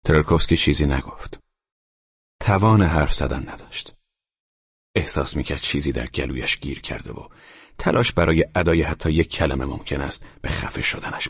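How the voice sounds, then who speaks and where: Audiobook narrator: man, very deep and breathy, quiet measured delivery, dry lo-fi sound. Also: no echo. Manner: quiet, measured, at times near a whisper. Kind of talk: scripted narration. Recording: dry, dull lo-fi studio recording.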